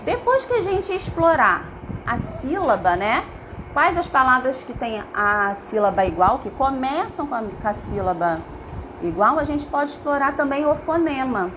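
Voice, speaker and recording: High-voiced Brazilian teacher talking to viewers. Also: female voice, big pitch swings, unhurried, noisy background. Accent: Brazilian Portuguese. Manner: addresses viewers as "gente", checks in with "né?" and "tá?". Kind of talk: live online teaching talk.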